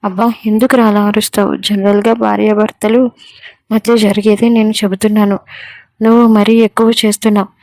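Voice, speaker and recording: A woman's voice: medium pitch, flat delivery, a little fast, darkish tone, no room sound, lightly acted. Woman reading as a loyal, teasing male friend. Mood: earnest.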